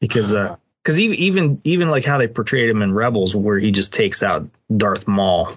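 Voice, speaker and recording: A man co-hosting a podcast in casual chat, relaxed and agreeable, with lots of fillers and restarts. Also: lowish voice, moderate pace, breathy edge. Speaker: podcast co-host.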